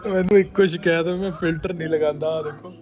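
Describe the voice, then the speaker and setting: A man's voice: on the high side, steady tone, fast talker, music in the background. A man with a Punjabi accent and a cold, chatting casually as a family vlogger in a teasing, questioning manner. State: has a cold. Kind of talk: casual chat to camera and to a child.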